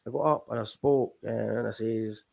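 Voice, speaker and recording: Gravelly-voiced Scottish man, candid and rambling. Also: medium pitch, fairly even intonation, normal speed, a little mellow, low-quality recording. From Scotland. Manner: candid, rambling, addresses listeners as folks. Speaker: recovery podcast host. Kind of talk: casual live chat.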